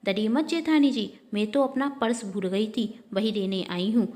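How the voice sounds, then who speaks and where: A woman voicing a dutiful young daughter-in-law who speaks politely and softly. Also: mid-range voice, expressive, normal speed, close to an everyday voice. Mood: calm. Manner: polite, soft-spoken.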